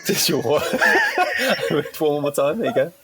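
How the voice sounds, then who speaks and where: Chatty man hosting, lively. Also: a little high, takes it slowly, heavy background noise. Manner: chatty, laughs often, quizzing playfully. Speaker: podcast host. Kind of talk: casual chat.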